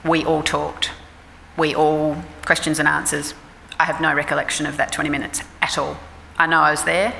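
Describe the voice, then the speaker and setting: A woman's voice: low voice, level tone, normal speed, vocal fry, bright, forceful tone, a little hiss or hum. A middle-aged Australian woman, a clinical psychologist, giving a frank, conversational talk at a forum. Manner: frank, conversational, self-deprecating. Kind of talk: informal public talk. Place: forum hall. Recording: reverberant hall with faint ambience.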